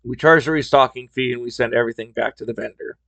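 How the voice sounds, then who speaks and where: A man's voice: mid-range voice, steady tone, fast, creaky, fairly bright tone, no echo. A man in his thirties hosting a podcast, telling retail work stories in a wry, conversational way, his voice a bit strained from talking a lot. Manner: wry, conversational, acts out customer dialogue. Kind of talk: casual storytelling monologue.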